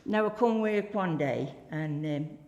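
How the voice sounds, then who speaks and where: A woman's voice: lowish voice, a little slow, darkish tone, lo-fi sound. An older woman, telling rambling, chatty stories about her working days in an interview, full of "like" and "you know". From Staffordshire, England. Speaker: interviewee, former pottery worker. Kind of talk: reminiscing interview storytelling. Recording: reverberant room.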